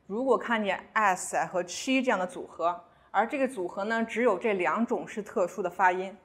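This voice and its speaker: A woman teaching a beginner pronunciation lesson, explaining steps and modeling each word slowly and twice. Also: mid-range voice. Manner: slow, careful modeling of sounds with repeats. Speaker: language teacher.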